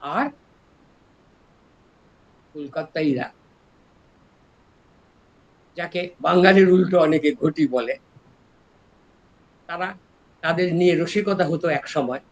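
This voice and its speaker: An older man from East Bengal lectures as a professor, with an East Bengali accent. His voice sits a little high for a man and rises and falls in lively swings as he works through each point patiently. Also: dull audio. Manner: explains slowly and step by step, lively rises and drops in voice. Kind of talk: scholarly lecture on word origins.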